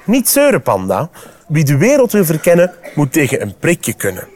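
A cheerful, curious squirrel talks briskly with a lively lilt, as a Flemish man reads him. He sounds upbeat and eager, a storybook adventurer. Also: on the high side.

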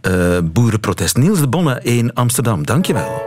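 A man's voice: medium pitch, sing-song, moderate pace, music in the background. A man with a Flemish Belgian accent hosting a conversational radio interview, curious and often echoing back what he hears. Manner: curious, echoes answers back as questions.

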